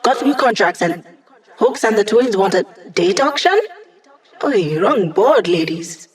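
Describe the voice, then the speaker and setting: In this game voice-acting clip, a woman plays a young tech-savvy support character with a playful, snarky, teasing edge and an upbeat, conversational feel. She speaks at medium pitch, animated but a touch slow, close to her everyday voice, sounding wry throughout.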